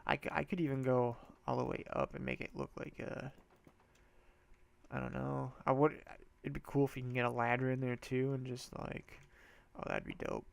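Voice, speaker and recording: Talking through a building game for a let's-play video, this congested man rambles loosely and thinks aloud in relaxed slang, frequently losing his thread and restarting. His voice sits in the middle range, smooth yet creaky, expressive, and moderately paced.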